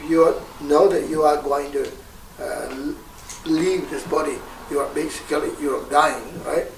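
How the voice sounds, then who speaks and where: A man teaching and guiding a meditation, speaking slowly and haltingly as he searches for words, and sharply calling out meditation syllables. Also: on the high side, steady tone, creaky, slight background noise. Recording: roomy, distant mic, faint ambience.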